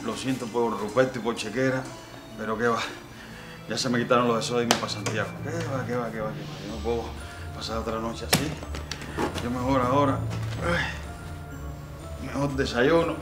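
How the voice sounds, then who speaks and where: A man's voice: medium pitch, fairly even intonation, moderate pace, long pauses, echoey room, over music, close to an everyday voice. A man with a Cuban accent playing a weary older man stranded by a broken train, sighing and complaining to himself in a comedy sketch. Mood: grumbling.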